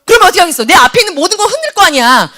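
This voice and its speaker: A woman's voice: very high-pitched, big pitch swings, racing, pushed and bright. A woman leading a youth sermon in church, questioning students by name and acting out scenes. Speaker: youth pastor.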